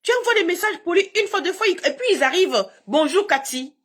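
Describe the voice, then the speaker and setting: A woman's voice: very high-pitched, animated, fast, fairly bright tone. A woman hosting a casual live stream from home on her phone, talking in a combative, emphatic way with frequent laughs.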